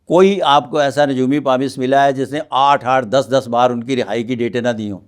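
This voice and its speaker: A man speaking as a palmist guest on a podcast interview, with measured, formal and courteous phrasing. He is from Pakistan. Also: medium pitch, fairly even intonation, clean tone.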